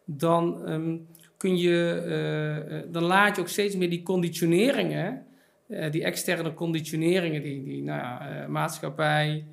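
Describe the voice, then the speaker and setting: Speaking unhurriedly in a gravelly voice on the high side with fairly even intonation, a middle-aged author chats casually as a guest in a podcast studio. He sounds reflective and leans on lots of fillers and repeated words.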